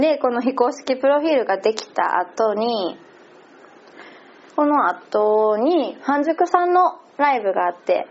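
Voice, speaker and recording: A woman's voice: mid-range voice, a little mellow. A woman with a Kansai accent chatting casually and laughing often as she recaps an event. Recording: slightly muffled lo-fi audio.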